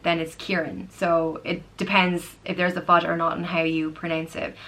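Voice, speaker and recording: Irish woman vlogger, casual explainer, lowish pitch but bright tone, chatty with lots of ums. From Ireland. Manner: chatty, spells names out letter by letter, frequent ums. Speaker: vlogger teaching name pronunciation.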